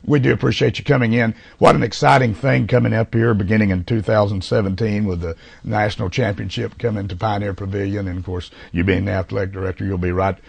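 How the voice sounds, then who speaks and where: Hoarse, gravelly low-voiced man hosting. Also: fairly even intonation, no echo. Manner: halting, many fillers and restarts. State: hoarse from allergies. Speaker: TV talk show host. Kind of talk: casual interview.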